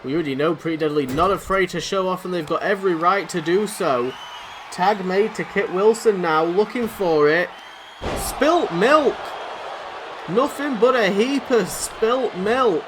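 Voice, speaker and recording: A YouTuber with a high voice gives excitable play-by-play of a wrestling video game, speaking a little slowly while losing his voice. He rambles and puts himself down, with noisy background behind him.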